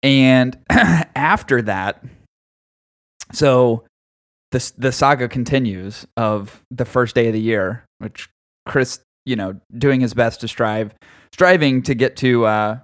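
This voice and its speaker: A man's voice: mid-range voice, slow. A man in his thirties chatting casually on a podcast, teasing and cross-examining his friend. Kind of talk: casual chat.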